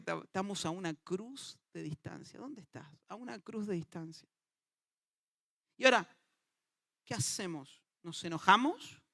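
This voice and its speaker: A male pastor, preaching a sermon with passion and swinging from loud to hushed. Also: high-pitched, gravelly.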